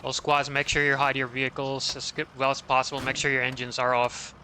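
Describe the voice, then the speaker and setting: A man speaks in terse radio callouts for a military game. His voice is flat in pitch and very bright and forceful, with faint vehicle noise behind. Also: fairly quick. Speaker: squad leader in a military simulation game.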